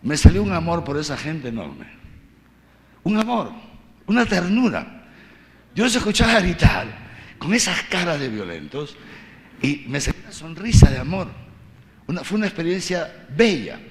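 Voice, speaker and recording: A man, a bishop, telling a story to his listeners in an animated catechesis talk, acting out the shouting crowd. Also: a little high, normal speed, long pauses. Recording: reverberant hall, mic at a distance.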